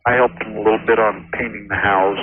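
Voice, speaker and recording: A man's voice: on the low side, steady tone, quick pace, slight background noise. A man calling in to a radio show, his voice sounding hollow as if from inside a barrel. He talks easily and lists details plainly. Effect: hollow phone line, as if talking from inside a barrel. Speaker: caller. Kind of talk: casual call-in chat. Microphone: telephone. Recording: tinny long-distance phone line.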